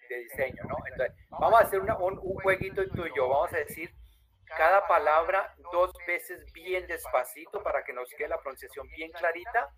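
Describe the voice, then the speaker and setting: Man, German teacher, online class, video call, patient, slow enunciation. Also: fairly high pitch, fairly bright tone, poor audio. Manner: patient, spells out German words very slowly.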